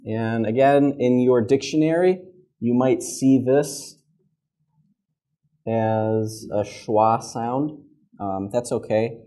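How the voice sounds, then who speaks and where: Slow, mellow male teacher. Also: medium pitch. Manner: slow, patient, repeats model words many times. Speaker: English pronunciation teacher. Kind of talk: classroom pronunciation lesson. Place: classroom at a whiteboard.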